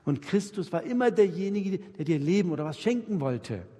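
In a reverberant hall with a long echo, a man's mellow, high-sitting voice swings widely in pitch at normal speed, captured by a live-recording microphone. He is running an interactive church workshop, coaching emphatically, repeating himself, and frequently making sure everyone follows.

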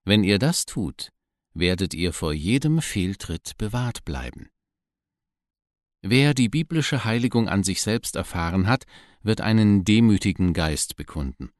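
Deep-voiced man reading solemnly. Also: animated, dry recording, clean studio sound. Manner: measured, solemn reading aloud. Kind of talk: scripted devotional reading.

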